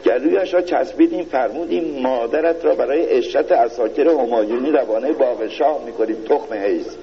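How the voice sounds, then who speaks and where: A man giving a satirical reading in a mock-royal court style, slow and pompous. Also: mid-range voice, highs cut off. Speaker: reader of a satirical piece.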